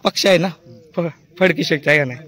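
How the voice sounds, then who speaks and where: Fast-talking field reporter man. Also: on the high side, a bit bright. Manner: brisk repetitive questioning, echoes answers. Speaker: field reporter at a bullock cart race. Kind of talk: quick roadside interviews.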